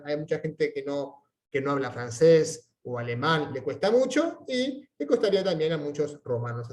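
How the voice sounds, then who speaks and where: A man teaching a Latin class online, praising students and asking them questions in turn. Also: on the high side. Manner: encouraging, switches between Spanish and Latin questions.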